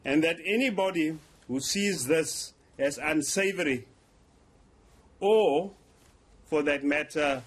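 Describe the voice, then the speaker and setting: This fairly high-pitched police officer grew up speaking Afrikaans and uses English with an Afrikaans South African accent in a formal TV interview. He speaks deliberately and with emphasis.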